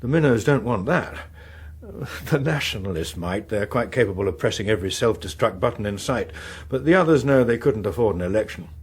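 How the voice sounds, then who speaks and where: An actor in a British radio drama plays a harried, wry middle-aged English politician who is also a father, sounding dry, exasperated, articulate and weary. His voice is lowish and brisk, with lively intonation and a breathy edge.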